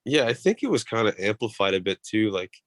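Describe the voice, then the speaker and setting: A man's voice: on the low side, very animated, brisk, no echo, clean studio sound. A man who plays professional hockey, answering interview questions in a casual, rambling, laid-back way. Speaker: professional ice hockey player being interviewed.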